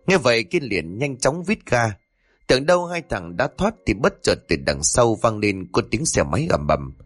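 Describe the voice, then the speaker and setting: A man narrating a scripted horror story with a lively, animated delivery whose pitch rises and falls. The voice sits close and dry against the mic. Soft music plays faintly underneath. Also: normal speed, no echo.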